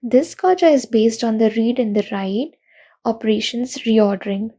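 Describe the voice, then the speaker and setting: At a programming conference, a young woman goes through technical pitfalls one at a time in a recorded talk, explaining them earnestly and steadily at normal speed. Her voice is slightly high yet mellow and dark, with plenty of gravelly fry as her phrases trail off. Russian is not her first language.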